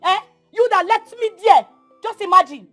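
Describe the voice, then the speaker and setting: A Nigerian woman acting a brash, quarrelsome village woman in a film drama, sharp-tongued and repeating her words. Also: very high voice, normal speed, faint music behind. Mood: scornful, angry.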